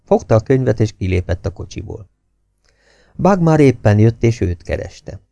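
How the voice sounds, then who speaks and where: A man narrating a novel as an audiobook reader in a steady, expressive reading style. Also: mid-range voice, creaky, no room sound, studio quality.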